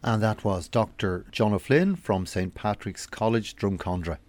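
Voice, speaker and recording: A man presenting a radio feature, reading scripted links in a measured way and interviewing guests. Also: lowish voice, darkish tone, no echo.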